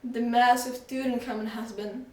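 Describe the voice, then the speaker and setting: A woman voicing a jolly, excitable male shopkeeper who stretches his words out for drama, in a storybook reading. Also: fairly high pitch, lightly acted. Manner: drawn-out, dramatic emphasis. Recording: echoey room, voice from far off.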